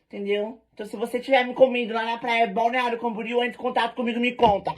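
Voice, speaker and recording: A woman telling a party story to camera in a casual, animated and slangy way. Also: on the high side, fast.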